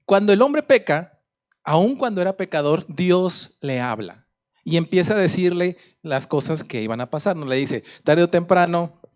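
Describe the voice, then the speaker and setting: A man's voice: on the high side, lively intonation, moderate pace. A man with a Mexican accent preaching a sermon in a conversational storytelling way, asking the congregation questions. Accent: Mexican Spanish.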